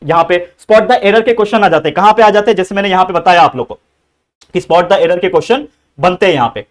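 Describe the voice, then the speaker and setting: A man's voice: high-pitched, fast talker. A man with an Indian accent teaching an exam-prep lesson, explaining step by step and asking and answering his own questions.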